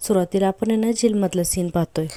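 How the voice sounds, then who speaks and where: A woman's voice: medium pitch, fairly even intonation, fast, warm tone, no room sound. A woman reviewing a TV serial episode in a casual recap, retelling the scenes and quoting each character's lines.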